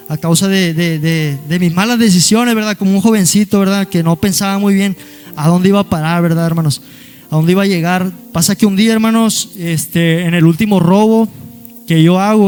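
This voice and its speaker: A young man from the Monterrey area of Mexico, with a high, darkish voice, gives a church testimony of his life story to a congregation. He's halting and repeats words, often turning to listeners with "hermano" and "¿verdad?" and sprinkling in "aleluya."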